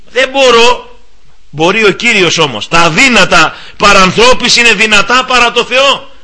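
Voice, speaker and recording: Guy preaching a sermon, kinda high voice, really cutting tone, pushing listeners hard. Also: sharp tone. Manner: earnest, exhorting, addressing the listener directly.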